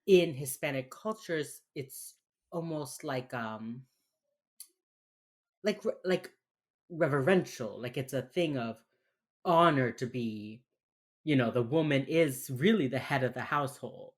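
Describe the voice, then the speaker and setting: An American woman with a Miami accent, co-hosting a casual podcast chat in an informal, sweary, halting way. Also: extremely low pitch, lively intonation. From United States. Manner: informal, sweary, halting with many filler phrases. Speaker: podcast co-host.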